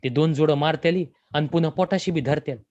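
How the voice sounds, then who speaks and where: A man's voice: a little high, fast talker, a little mellow, lo-fi sound, natural voice. Man doing a defiant laborer. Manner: blunt, indignant. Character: defiant poor rural laborer man, proud.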